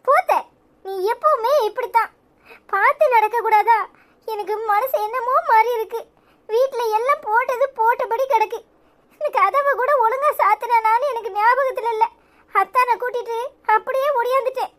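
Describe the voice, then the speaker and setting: A woman voicing a worried young daughter-in-law in a cartoon serial, speaking with a Tirunelveli accent in a high, fretful, anxious way. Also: expressive, moderate pace, a bit bright. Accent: Tirunelveli Tamil.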